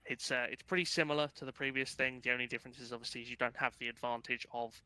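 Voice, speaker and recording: Bright, clear-voiced man giving a briefing. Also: medium pitch, steady tone, quick pace, no room sound, low-quality recording. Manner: casual, chatty, filler-heavy explaining. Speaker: unit instructor. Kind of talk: briefing a gaming unit over voice chat.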